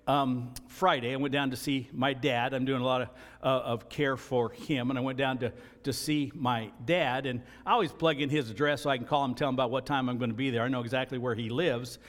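A man's voice: mid-range voice, a bit bright. A man preaching a sermon as pastor, earnest and emphatic, repeating key phrases for stress. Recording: long reverb of a large hall.

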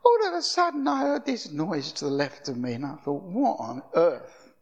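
An older man preaching with a fairly high, lively voice. He tells personal stories in a loose, conversational sermon style and often restarts his sentences. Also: brisk, creaky, dull audio. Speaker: guest preacher. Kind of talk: anecdotal sermon.

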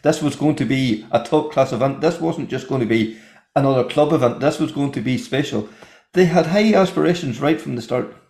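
A man's voice: mid-range voice, brisk, a little mellow. A man with an Irish accent hosting a conversational podcast, making his points emphatically through repetition. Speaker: podcast host. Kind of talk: conversational commentary. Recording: echoey, roomy sound.

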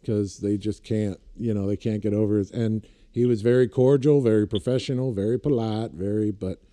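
Dark-voiced, low-pitched man telling rambling stories. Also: steady tone, normal speed. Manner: rambling storyteller, laughs at his own anecdotes. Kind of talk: casual chat.

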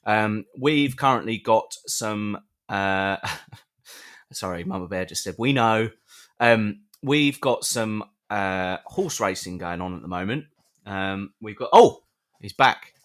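A British man co-hosting a live show, rambling playfully as he talks to his listeners. His voice sits somewhat low, and he keeps restarting his sentences. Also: animated, slow pace. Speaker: podcast co-host. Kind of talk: casual live chat with listeners.

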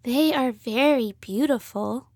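A woman's voice: fairly high pitch, slow pace, darkish tone, dry recording, clean studio sound. A woman voicing an eager young girl in a children's story, earnest and childlike. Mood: gentle. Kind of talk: children's audio story acting.

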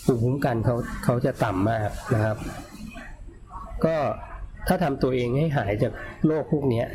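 A man's voice: medium pitch, moderate pace, noisy background. A man hosting a casual talk, answering viewer comments in an easygoing, chatty way with many polite particles and restarts.

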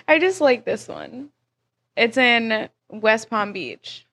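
A young woman co-hosts a podcast, quick to laugh and reacting to her partner with amusement. Her voice sits a little high and swings widely in pitch. She keeps the chat easy and playful. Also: very animated, fairly bright tone. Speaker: podcast co-host. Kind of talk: casual chat.

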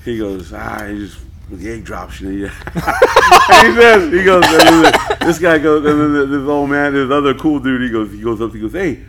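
A man's voice: mid-range voice, sing-song, moderate pace, noisy background. A man co-hosting a podcast in casual chat, laid-back, swearing a lot and saying dude and bro. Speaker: podcast co-host.

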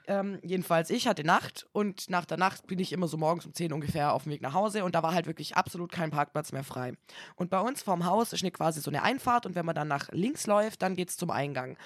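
A woman's voice: on the low side, expressive, fairly quick, no echo, studio quality. A woman co-hosting a podcast, telling a story in casual chat and acting out the voices of the people in it. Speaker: podcast co-host.

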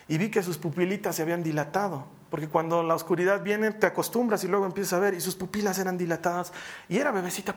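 A man with a Bolivian Spanish accent preaching a sermon, swinging between loud exhortation and soft, hushed tones. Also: fairly high pitch. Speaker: pastor.

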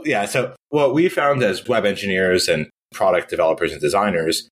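A man's voice: low-pitched, fairly bright tone, breathy edge. A young man, a startup founder, answering interview questions in an easygoing, conversational way. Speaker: startup CEO guest. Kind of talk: casual interview.

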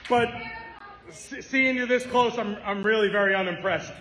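A man's voice: high voice, normal speed. A man cutting an arrogant wrestling promo, boasting and taunting a live audience at an indoor event. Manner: boastful, shouting, taunting the crowd. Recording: echoey venue, loud crowd noise.

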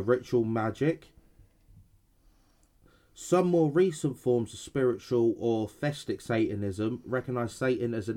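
Slightly mellow and medium in pitch, this male podcast co-host sounds a bit nasal as he recovers from being ill. He reads out definitions from his notes, stumbling and restarting along the way.

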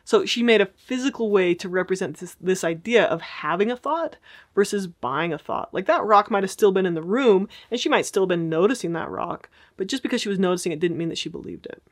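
Lady therapist chatting thru a lesson, friendly, keeps checking in w listeners, mid pitch. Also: animated, a little fast. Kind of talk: casual teaching talk.

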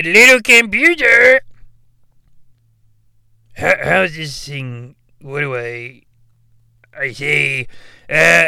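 A man's voice: mid-range voice, gravelly, bright, forceful tone, clear, resonant tone, no echo, studio quality, heavily acted. A man voicing a bumbling, rambling old ex-wrestler who gets easily flustered and confused by technology, in an improvised comedy bit.

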